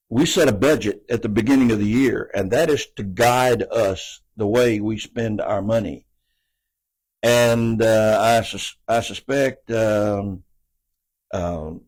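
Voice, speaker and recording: A man in his 80s from the American South, a city council candidate, answers interview questions in an earnest, folksy way, often repeating words. His voice is fairly low with a darkish tone, and the audio is poor.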